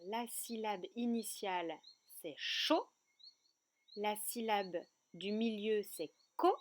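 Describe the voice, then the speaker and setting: Slow, gentle woman teaching young children. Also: medium pitch, slight background noise. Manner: slow, clear, syllable-by-syllable teaching. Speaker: kindergarten teacher. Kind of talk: remote lesson for young children. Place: outdoor terrace at night.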